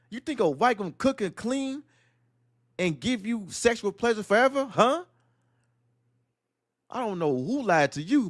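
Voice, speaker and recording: A high-voiced man hosts a solo audio livestream, recorded cleanly in a studio without echo. His monologue is blunt and preachy, firing off one rhetorical question after another.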